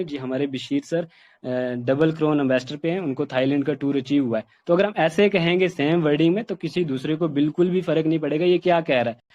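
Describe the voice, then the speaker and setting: A man with a higher, slightly mellow voice gives an informal spoken lesson on communication skills. He talks conversationally, uses many fillers, and often repeats "ठीक". The recording is muffled.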